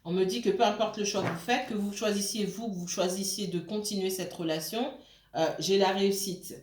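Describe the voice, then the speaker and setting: A woman's voice: medium pitch, fairly even intonation, fairly quick, a little mellow. Hesitant woman reading tarot, roomy sound. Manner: hesitant, with many fillers and restarts; checks in with listeners often. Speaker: tarot card reader. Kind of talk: casual tarot reading to camera. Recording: roomy echo.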